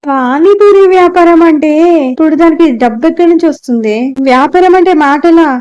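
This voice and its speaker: High, mellow Telugu woman pleading. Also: a little fast, dull audio. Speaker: voice actor for the mother-in-law. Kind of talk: cartoon story voice acting.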